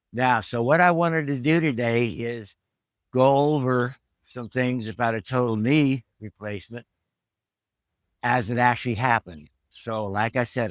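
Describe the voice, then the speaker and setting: Guy in his 70s doing a casual how-to vlog, plain talker, average pitch, pretty dry sound. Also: no echo. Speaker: fitness trainer and rehab vlogger. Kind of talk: informal instructional vlog talk. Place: at home.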